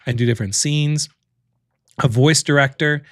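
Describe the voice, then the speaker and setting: A man's voice: a little high, moderate pace, fairly bright tone, no echo, clean studio sound. A man hosting a casual livestream, thinking aloud as he clicks through a tool, with loose fillers and restarts. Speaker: livestream host demoing software.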